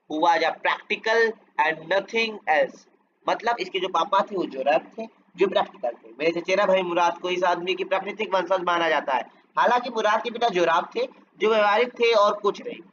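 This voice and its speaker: High-voiced teacher explaining slowly. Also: male voice, a bit bright, dull audio, a little hiss or hum. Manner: reads English lines slowly, then explains at length. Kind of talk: Hindi explanation of an English lesson.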